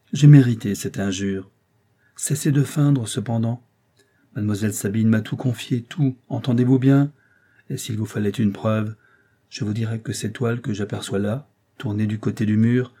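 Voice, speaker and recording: A man reading the lines of a wealthy, courteous gentleman in an audiobook, with a firm, insistent manner. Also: lowish voice, lightly acted. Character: wealthy gracious male gentleman, older suitor.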